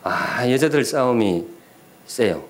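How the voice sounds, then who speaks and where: Lively middle-aged pastor preaching. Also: male voice, mid-range voice, takes it slowly. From Gyeongsan, North Gyeongsang, Korea. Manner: lively preaching with questions and humor to the congregation. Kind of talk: sermon. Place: church sanctuary.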